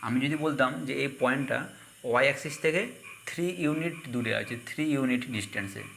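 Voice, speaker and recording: A man's voice: mid-range voice, fast, a bit bright, slight background noise. A man teaching a math lesson, asking questions and answering them himself.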